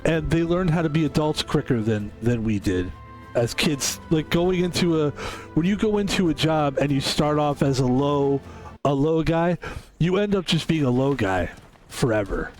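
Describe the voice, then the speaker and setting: A man's voice: fairly high pitch, expressive, moderate pace, darkish tone, soft background music. A man in his fifties chatting casually while streaming a game, rambling and correcting himself as he thinks aloud. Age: 50s. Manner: rambling, reflective, self-correcting. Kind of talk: casual chat while gaming.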